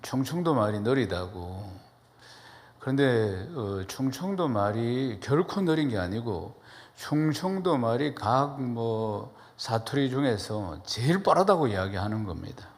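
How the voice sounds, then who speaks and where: A man's voice: medium pitch, lively intonation, a little slow. A middle-aged male pastor delivering a sermon, telling it like a story and opening with folksy humor. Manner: storytelling preacher who opens with folksy humor; shifts pace and loudness for emphasis.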